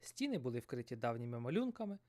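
Expressive male fairy tale narrator. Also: medium pitch, fast. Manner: expressive, dramatic.

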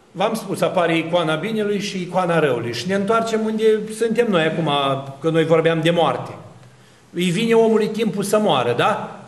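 A man's voice: high-pitched, roomy sound. A man preaching an Orthodox sermon, asking rhetorical questions and building long spoken lists. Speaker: Orthodox priest.

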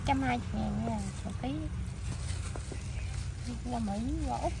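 A woman's voice: a little high, fairly even intonation, normal speed, heavy background noise. A woman plays a customer in a comic skit, drawing out her phrases and repeating words. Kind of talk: comedic skit.

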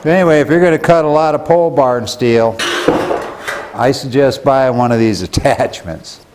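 Speaking in a mid-range, somewhat slow voice over heavy background noise, this middle-aged American man gives a relaxed, down-to-earth tool demo to camera. He hosts a store's how-to videos from a bare indoor workshop, miked with a lapel mic.

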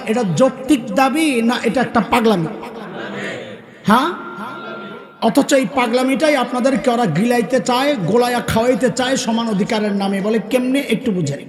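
A man with a Bangladeshi Bengali accent preaching a sermon, emphatically quizzing the crowd with call-and-response questions. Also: very high voice. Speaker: Islamic preacher. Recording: echoey hall with long reverb.

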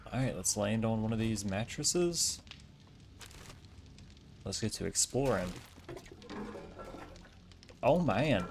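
Low-voiced man narrating his gameplay. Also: animated, measured pace, gravelly, long pauses, a little hiss or hum. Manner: chatty, self-mocking, talks to himself while looting. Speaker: gamer playing a survival game. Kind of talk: casual gameplay commentary.

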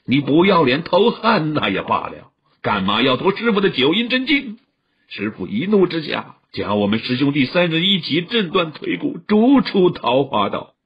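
A distraught middle-aged man who cries out in a tearful, broken voice, as an audiobook reader acts him out. The voice is husky and rises loudly. The recording is dull and lo-fi. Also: medium pitch.

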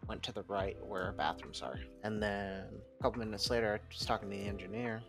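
A man's voice: on the low side, fairly even intonation, fairly quick. A man, a former hotel night clerk, telling blunt, rambling stories about his old job in a casual vlog. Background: background music.

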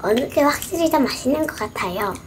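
A woman chatting casually during a mukbang, speaking softly and playfully with her mouth full. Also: sits high, lively intonation, fast talker. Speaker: mukbang eater. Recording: clear background noise.

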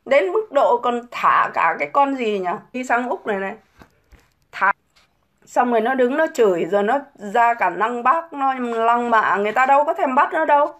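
A woman's voice: fairly high pitch, expressive, moderate pace, a bit bright. A middle-aged woman ranting scornfully on a casual livestream, full of mocking rhetorical questions. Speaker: livestream host.

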